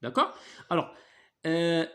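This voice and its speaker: Patient, slow-speaking male French teacher. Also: fairly high pitch, very animated, pushed and bright. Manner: patient, spells sounds out, often checks with "d'accord?". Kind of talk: one-on-one reading lesson.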